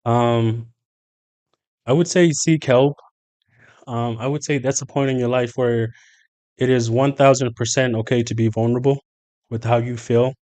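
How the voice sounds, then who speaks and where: A man's voice: mid-range voice, fairly even intonation, moderate pace, pauses often, a little mellow. Earnest man on a casual podcast. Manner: thoughtful, earnest, with frequent fillers and exclamations. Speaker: podcast guest.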